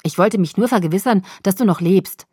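A woman's voice: medium pitch, takes it slowly, dry recording, natural voice. A curt young man, read by a woman speaks in clipped, angry phrases. He stays short and cold. The audiobook voice is dry and up close.

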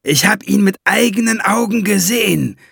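A man's voice: medium pitch, very animated, normal speed, vocal fry, bright, forceful tone, slightly rough, dry recording, studio quality, heavily acted. A man reading an audiobook and voicing a sly, sarcastic dwarf who needles people with mocking questions. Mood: tall tale. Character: sly, mocking male dwarf, blunt and gruff.

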